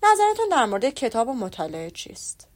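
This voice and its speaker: A woman reading the lines of a proud, reserved young gentleman in a formal, restrained way. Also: on the high side, wildly swooping pitch.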